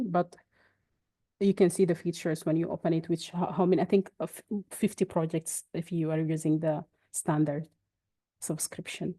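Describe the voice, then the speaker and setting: A young woman who speaks Arabic as her first language presents a webinar, walking through software on a screen share. Her voice is on the low side, and she explains things chattily, often restarting.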